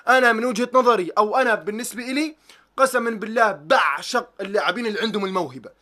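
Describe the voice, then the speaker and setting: A man's voice: high-pitched, very fast, sharp tone. A young man, ranting animatedly about football as a vlogger, swearing oaths and mocking tactics talk. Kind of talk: excited football reaction rant.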